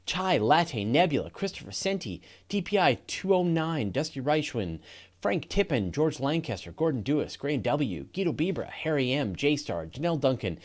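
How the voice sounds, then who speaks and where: A man's voice: medium pitch, sing-song, normal speed. A Canadian man hosting a live podcast in casual, rambling chat, often laughing. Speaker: podcast host.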